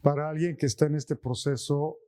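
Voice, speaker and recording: A man hosts a sit-down interview in a warm, mellow voice. He asks long, winding questions and often ends them with a quick tag question. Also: on the high side, steady tone. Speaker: interview host. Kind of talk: conversational interview.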